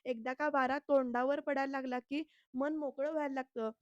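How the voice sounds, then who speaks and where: An earnest young man who pleads his case and coaxes a friend, read out by a woman recapping a serial. The voice sits high. It sounds close and dry. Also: steady tone, a little fast, no echo, lo-fi sound, natural voice. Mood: coaxing.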